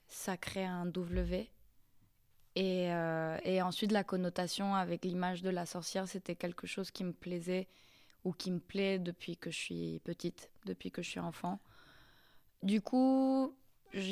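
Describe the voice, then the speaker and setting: A woman's voice: fairly low pitch, darkish tone, clean tone. A woman, a singer-songwriter answering interview questions thoughtfully, often searching for her words. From Mexico. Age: 30s.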